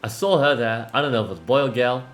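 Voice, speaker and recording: A man giving casual, excitable commentary while playing a video game, often exclaiming and tripping over words. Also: mid-range voice, fast, faint music behind. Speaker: gaming video host.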